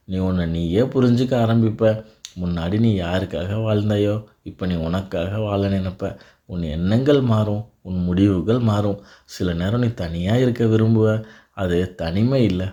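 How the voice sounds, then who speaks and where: A man delivering a devotional blessing in a calm, reassuring voice, speaking directly to the listener. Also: sits low. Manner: calm, reassuring second-person address. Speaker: devotional narrator.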